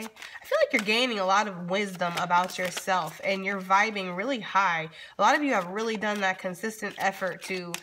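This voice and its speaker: A woman's voice: mid-range voice, bright, forceful tone. A woman giving a casual, chatty tarot reading as channel host, speaking informally and straight to her viewers. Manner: informal, addresses viewers directly, frequently checks in with "okay?". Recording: background noise with card shuffling and clicks.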